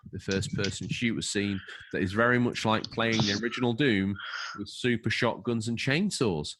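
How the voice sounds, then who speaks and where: This podcast co-host has a lowish male voice, with a faint hiss or hum in the audio. He reads out a film overview in a casual, jokey way, throwing in emphatic asides and tripping over names.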